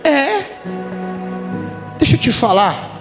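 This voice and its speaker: A pastor from Brazil preaches with a high, bright-set voice, jumping into little acted quotes as he tells his stories. The sound carries a long hall reverb, with faint music under him. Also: a little fast. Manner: animated storytelling with voiced quotes. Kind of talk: sermon. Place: church conference hall.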